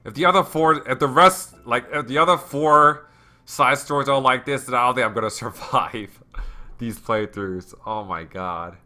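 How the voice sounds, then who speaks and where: A man's voice: medium pitch, normal speed, pushed and bright. A man hosting a let's play, giving emotional, rambling commentary full of fillers. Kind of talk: game commentary.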